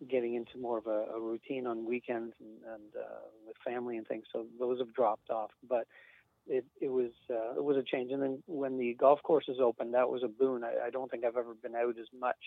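Here a gravelly, mid-range male voice talks fairly quickly with a flat delivery. He's a sales rep appearing as a guest, rambling casually with fillers and small chuckles, heard over a dry, tinny phone-line sound with no room sound.

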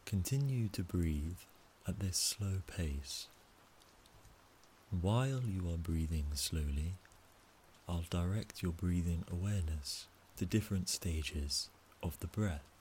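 A man calmly leading a guided breathing meditation, speaking softly and counting out each breath. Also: low-pitched, slow, a little hiss or hum. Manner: calm, soft, counting out breaths. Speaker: relaxation guide.

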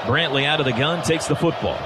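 A man calling American football play by play in clipped, punchy phrases, excitable and given to shouting. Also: a little high, fairly quick. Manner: excitable, swinging from terse calls to shouts. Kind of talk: live sports commentary. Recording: loud noise behind the voice.

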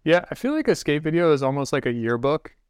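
A man hosts a podcast in a laid-back, reflective way with dry understatement. His voice is smooth and clear, recorded close and dry. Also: a little high, sing-song, quick pace, no echo. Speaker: podcast host. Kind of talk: casual podcast chat.

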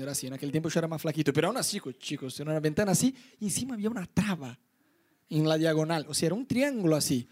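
A young man with a Rioplatense Spanish accent preaching an animated sermon to youth, acting out his stories and inner thoughts. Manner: lively storyteller, voices his own inner thoughts in high pitch. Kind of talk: animated sermon with acted-out anecdotes.

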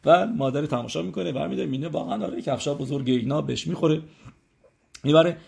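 A man's voice: fairly high pitch, creaky, darkish tone. A man giving a religious lesson and telling a story in a conversational way, with frequent hesitations and rhetorical questions to his listeners. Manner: conversational, many hesitations and rhetorical check-ins. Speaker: religious teacher.

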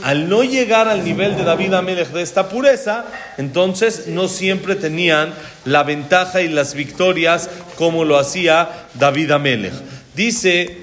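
A man, giving a religious lecture as a rabbi, who explains verses slowly, translates them and adds touches of humor. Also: on the high side, fairly bright tone. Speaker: rabbi teaching a class.

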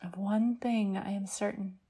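Soft, slow, breathy woman guiding sleepy meditation. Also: medium pitch, steady tone. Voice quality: soft, breathy, partly whispered. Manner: hushed, gentle, unhurried delivery with long pauses. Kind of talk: soothing guided meditation, like a sleep story narrator.

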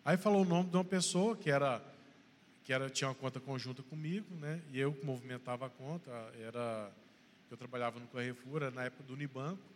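A man's voice: mid-range voice, fast talker, big-room sound, slight background noise. A Brazilian man with a Brazilian Portuguese accent giving a church testimony, telling his story and acting out dialogue before urging the congregation on. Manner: storytelling, acts out phone dialogue, preacherly exhortation.

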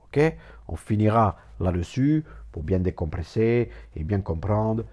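A man's voice: on the low side, sing-song, a little slow, a little mellow. A man giving a comic mock lecture, rambling, repeating words and stumbling playfully over them.

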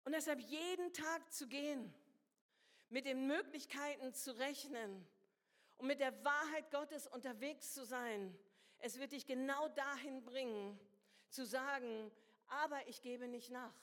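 A woman with a high voice preaches a sermon, her words ringing through a hall with a long reverb. She hammers home her points by repeating phrases. She mixes everyday slang into the preaching. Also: measured pace, fairly bright tone. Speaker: guest preacher.

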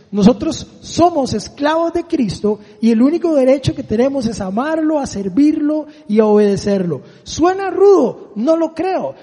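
A man's voice: very high voice, mellow. A man in his forties preaching a sermon, emphatic, putting rhetorical questions to his listeners. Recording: long reverb of a large hall.

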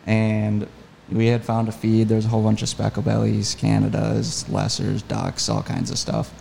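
Gravelly, dark-toned man, keen podcast storyteller. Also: fairly low pitch, moderate pace, slight background noise. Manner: enthusiastic, animated retelling. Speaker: podcast guest, hunting guide. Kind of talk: casual storytelling.

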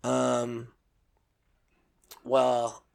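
A man's voice: medium pitch, monotone, extremely slow, creaky, a little mellow. A man chatting casually as a co-host, irreverent and sardonic, swearing freely. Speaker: co-host commenting on pop music groups. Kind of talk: casual, joking chat.

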